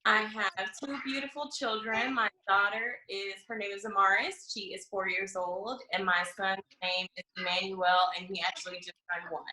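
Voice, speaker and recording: A woman's voice: medium pitch, fairly even intonation, moderate pace, hardly any pauses, bright, forceful tone. Composed woman in her twenties, roomy sound. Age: 20s. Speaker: guest. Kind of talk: casual chat. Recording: roomy with noise.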